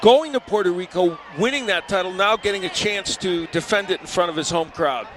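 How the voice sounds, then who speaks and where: A man's voice: high-pitched, brisk, crowd noise. A man giving live boxing analysis, explaining the action in a raised voice over the arena. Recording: clear arena noise behind the voice.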